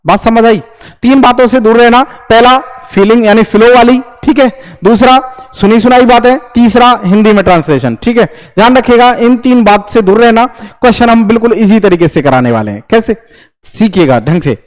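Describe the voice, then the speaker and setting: A young man teaching English grammar in Hindi, lecturing to students and firing quick questions he answers himself. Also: very high voice. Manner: lively, repeats checks like "understood?". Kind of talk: classroom lecture.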